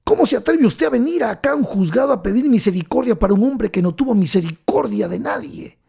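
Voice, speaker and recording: A man voicing a stern, indignant male judge who speaks with high-pitched scorn. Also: animated, a little fast, gravelly, mellow, husky, full character voice. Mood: scornful.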